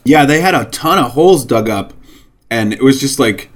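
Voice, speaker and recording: A man's voice: mid-range voice, lively intonation, moderate pace, a little hiss or hum. A man co-hosting a casual chat, rambling and correcting himself with lots of fillers. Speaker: podcast co-host.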